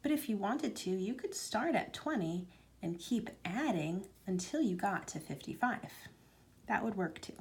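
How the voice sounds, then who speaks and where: A woman math teacher talking slowly through a homework lesson, explaining each step as she writes and sometimes dropping to a near whisper. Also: medium pitch, lively intonation, a little mellow, slight background noise. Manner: slow, step-by-step explaining while writing.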